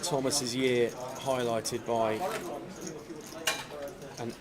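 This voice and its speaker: Male card-game commentator, mid-pitched, measured and formally worded, with a loud crowd behind him. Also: flat delivery. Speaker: poker commentator. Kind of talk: live poker commentary. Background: loud busy poker room.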